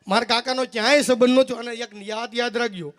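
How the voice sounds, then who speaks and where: Male folk comedian, high voice, teasing live storyteller. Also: steady tone, quick pace, fairly bright tone. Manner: joking, teasing the audience directly. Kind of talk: live comic storytelling to an audience.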